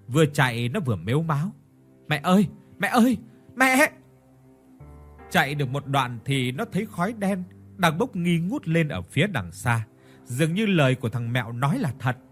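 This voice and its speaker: A male storyteller narrates a rural ghost tale, his pitch rising and falling with lively drama. Faint music plays beneath his voice. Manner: dramatic, acts out each character's lines. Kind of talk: scripted horror story narration.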